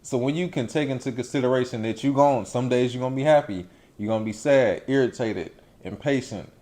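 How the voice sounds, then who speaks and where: A man's voice: mid-range voice, fairly quick, mellow. A young man in his late twenties talks through advice in a loose, conversational way. He slips into quoted voices to act out everyday remarks as he makes his points. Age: 20s. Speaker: vlog co-host. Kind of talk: casual advice chat.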